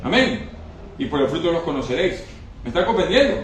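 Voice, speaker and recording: High-voiced preacher in an echoey hall. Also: male voice, sing-song, a little fast, a little hiss or hum. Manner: emphatic, questions the congregation. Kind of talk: sermon. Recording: very echoey hall, mic far off.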